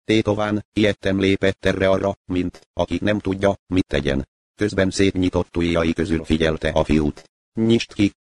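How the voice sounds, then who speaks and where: A man reading a literary short story aloud in a measured, even narrating voice. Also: deep voice, dry recording.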